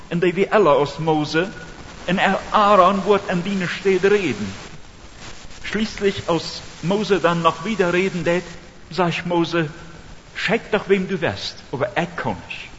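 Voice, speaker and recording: A man delivers a slow, earnest sermon and turns often to the listener with questions. His voice sits high. The recording is dull and lo-fi, with a long reverb tail and faint hiss. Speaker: preacher.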